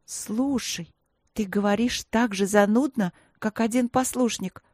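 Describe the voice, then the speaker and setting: A woman voicing a frightened, chattering young girl seer who talks quickly and pleads. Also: medium pitch, no echo, lightly acted. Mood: chattering eager. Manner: rapid, pleading, excitable.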